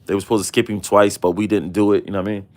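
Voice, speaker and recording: A man's voice: lowish voice, flat delivery, racing, darkish tone. A man hosting a casual livestream, talking. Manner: laid-back, drawling, many fillers. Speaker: host.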